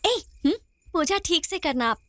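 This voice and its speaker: A woman's voice: very high-pitched, lively intonation, normal speed, fairly bright tone, dry recording. A woman voicing a shy young woman at a temple in a dubbed film. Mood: coy. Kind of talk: Hindi film dub.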